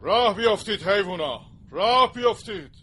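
Male narrator doing a harsh, yelling dog-sled master, voice pushed up high. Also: lively intonation, slightly rough, heavily acted. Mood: angry shouting. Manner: shouting, harsh and abusive. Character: cruel blustering male sled-dog owner.

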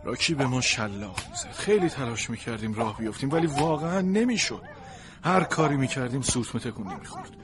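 A man narrates a storybook from a sled dog's point of view, in an expressive, plaintive way. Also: medium pitch, a crowd in the background.

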